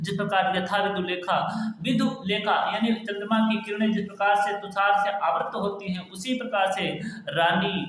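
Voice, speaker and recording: High-voiced man teaching in an echoey room. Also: fairly bright tone. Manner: glosses word meanings patiently, repeating phrases. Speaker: Hindi literature teacher. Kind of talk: explaining a poem line by line.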